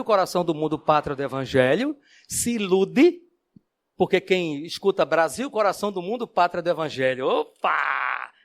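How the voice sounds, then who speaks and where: A Brazilian man giving a lively religious lecture, his high voice swinging widely as he tells a fable. He keeps asking the audience questions and clears his throat now and then. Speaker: Spiritist lecturer.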